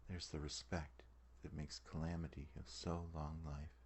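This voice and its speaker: A man performing a Shakespearean soliloquy as a brooding, world-weary prince, measured and declamatory. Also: rumbling low, flat delivery, darkish tone, slight background noise. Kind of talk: dramatic soliloquy reading, Shakespearean verse.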